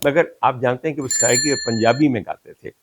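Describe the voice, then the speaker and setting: An older Pakistani man with a Pakistani Urdu accent hosts a talk show, reflecting on a poet in a monologue and at times reciting Punjabi verses slowly and emphatically. His voice is mid-range, with background noise in the recording.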